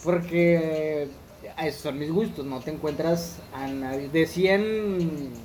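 A young man with a Mexican Monterrey accent chatting casually on a podcast, animated and slangy, laughing often. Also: on the high side, slow, crowd noise. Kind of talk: casual chat.

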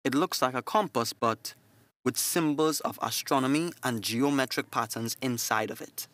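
A man reading a scripted story in a steady, descriptive narrating manner. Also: medium pitch, normal speed, dry recording.

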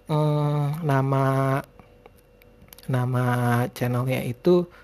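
Man, Indonesian accent, lisped r, warm mellow voice, casual solo podcast chat, hesitant and rambling. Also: mid-range voice, level tone, extremely slow. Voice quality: lisped r sounds. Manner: informal, rambling, hesitant word-searching. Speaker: podcast host.

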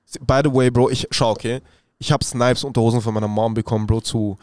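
A man's voice: medium pitch, fairly even intonation, fast talker, a little mellow, no echo. A young man, a podcast guest telling a story in casual, slangy chat, saying "bro" constantly and mixing in English words.

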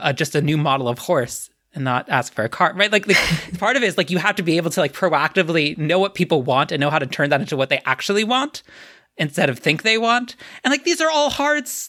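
A man's voice: fairly high pitch, pushed and bright. A man co-hosting a podcast in casual chat, rambling with many fillers and laughing often. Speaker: podcast co-host.

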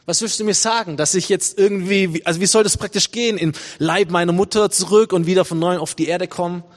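A man's voice: high voice, fairly even intonation, quick pace, big-room sound, lightly acted. A man voicing a puzzled, skeptical old religious scholar who asks incredulous questions. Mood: baffled.

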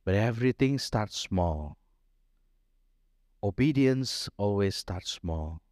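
A man preaching a sermon as pastor, mixing Indonesian and English, telling a story and slowing down to stress key points. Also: fairly low pitch, expressive, darkish tone, no room sound, clean studio sound. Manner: switches between Indonesian and English mid-sentence; slows down for emphasis, storytelling delivery.

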